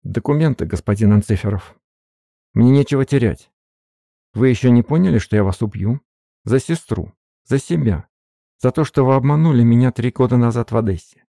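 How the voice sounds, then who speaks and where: Guy doing a tough young woman thief in a storybook, clipped and defiant, higher than his deep dry voice. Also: lively intonation, a little fast, creaky, dark tone, no echo. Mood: threatening. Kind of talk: audiobook character reading.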